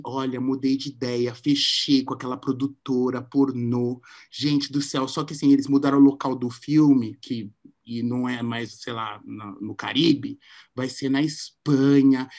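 A man, hosting a podcast and telling a story in a casual, animated way. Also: mid-range voice. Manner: animated, acts out quotes in shifting voices. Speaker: podcast host.

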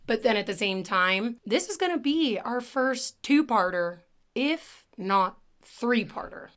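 A woman podcast host with a raspy smoker's voice, chatting casually and informally about true crime, with swearing and jokes. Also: on the high side, lively intonation, slow pace, fairly bright tone.

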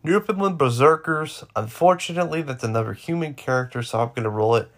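A man's voice: mid-range voice, fast, fairly bright tone. A man in his twenties hosting a solo podcast, rambling offhand with jokey asides. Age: 20s. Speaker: podcast host.

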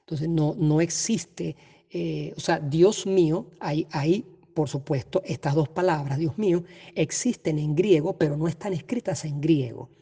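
A Bible teacher giving an explanatory lesson at a measured pace, often hesitating and correcting themselves. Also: mid-range voice, creaky, warm tone, husky. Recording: long reverb.

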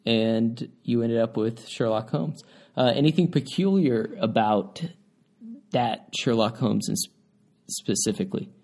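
Young guy cohosting a podcast, gravelly voice, laid back, lots of ums. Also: medium pitch, a little slow. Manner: relaxed, joking, trails off with fillers. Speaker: podcast co-host. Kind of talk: casual chat.

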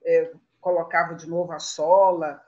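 A woman's voice: sits low, level tone, moderate pace. Older woman reminiscing, muffled sound. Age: 60s. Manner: warm reminiscing, laughs often. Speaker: interviewee. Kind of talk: storytelling interview.

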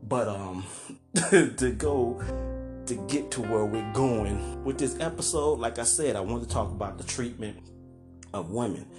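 A middle-aged man, hosting a podcast and telling a story in a loose, profane, animated way, acting out quotes and laughing. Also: medium pitch, unhurried, music in the background. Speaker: podcast host. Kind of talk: casual storytelling monologue.

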